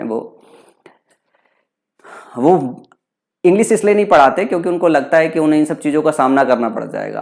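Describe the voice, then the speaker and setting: This is a slightly high, creaky voice of a young Bihari man from Bihar, India, whose accent is Bihari Hindi. Teaching English vocabulary in an exam prep lecture, he explains terms, repeats them, and tends to raise questions only to answer them himself.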